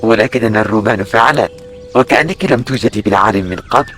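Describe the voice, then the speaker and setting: A man's voice: on the low side, quick pace, a bit bright, faint music behind, pitched below the performer's own voice, close to an everyday voice. A man voicing a proud young Roman man in an audio drama.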